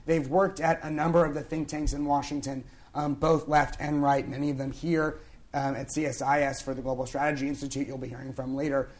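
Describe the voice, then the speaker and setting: A hoarse young man who has lost his voice, opening a conference panel in a conversational way with many fillers. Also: mid-range voice, little pitch movement, brisk, darkish tone. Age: young adult. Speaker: panel moderator. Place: conference event on stage.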